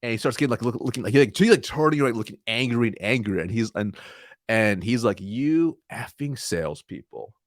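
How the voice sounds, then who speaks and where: A man's voice: medium pitch, quick pace, dry recording, clean studio sound. A man in his thirties, a sales coach and podcast guest, telling a story animatedly, often laughing and acting out what people said.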